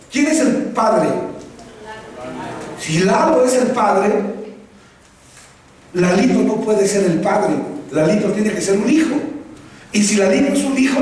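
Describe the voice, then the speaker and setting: A man's voice: sits high, a little mellow. A man preaching a sermon, quizzing the congregation and having them repeat his words. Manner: questioning the congregation, calls for repetition. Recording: echoey hall, voice from far off, faint ambience.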